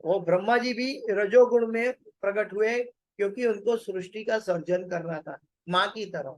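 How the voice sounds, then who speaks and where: A man teaches scripture in a measured lecture, his voice sitting high for a man. He takes his time, pausing on fillers and repeating phrases so they sink in. The sound is dry and close, with little room around it. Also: no echo, poor audio. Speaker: Bhagavatam lecturer.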